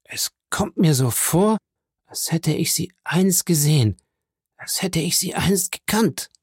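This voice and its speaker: A man's voice: fairly high pitch, sing-song, measured pace, gravelly, a little mellow, husky, no room sound, clean studio sound, pitched above the performer's own voice, heavily acted. A man voicing a dying, bitter man who cries out in anguish, reading an audiobook. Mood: bewildered.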